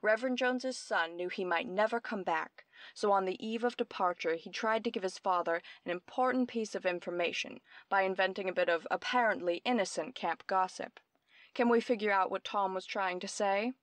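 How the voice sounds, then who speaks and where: An actress plays a brilliant, self-assured young woman detective in an old-time radio mystery, explaining each clue precisely and theatrically at a moderate pace. Her mid-pitched, natural voice sounds intent and explanatory, captured in a close, dry recording.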